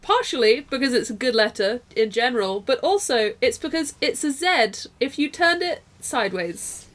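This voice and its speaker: A woman's voice: on the high side, lively intonation, moderate pace. A woman co-hosting a podcast in casual chat, bubbly and rambling, often backtracking mid-sentence. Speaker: podcast co-host.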